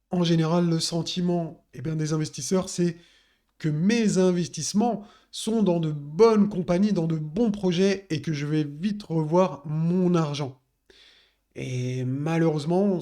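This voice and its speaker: A man's voice: on the high side, mellow. A man talking casually through a crypto chart analysis, addressing viewers directly with many fillers.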